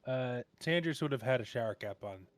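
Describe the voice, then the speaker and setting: A man's voice: mid-range voice, animated, brisk, dry recording. A man playing a tabletop game, chatting casually and joking as a player.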